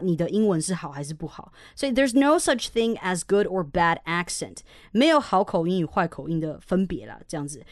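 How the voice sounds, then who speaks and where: A woman's voice: mid-range voice, no room sound, studio quality. A young woman from Taiwan, hosting a podcast in a frank, emphatic way and swearing freely. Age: young adult. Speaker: podcast host and English teacher. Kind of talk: casual podcast monologue.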